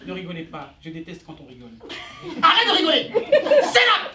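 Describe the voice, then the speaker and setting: A man's voice: on the high side, very fast, close to an everyday voice. A comedian doing Julio, a bossy flamboyant male theater teacher. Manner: bossy, teasing, barks sudden orders at the audience. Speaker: comedian in character. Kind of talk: stand-up character act. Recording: echoey room, distant mic, loud crowd. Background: audience laughter.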